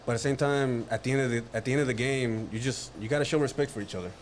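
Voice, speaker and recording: A man's voice: mid-range voice, rapid-fire. Dallas guy in his 30s cracking jokes on a sports pod, bit of room hum behind him. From Dallas, Texas. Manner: joking, animated, laughs easily. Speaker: podcast co-host. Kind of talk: casual sports chat.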